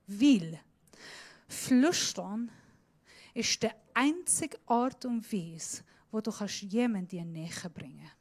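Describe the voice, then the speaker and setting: Slow, dramatic, higher-voiced woman preaching. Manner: dramatic, shifting between loud emphasis and hushed near-whisper; slips in Swiss German words. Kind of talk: sermon.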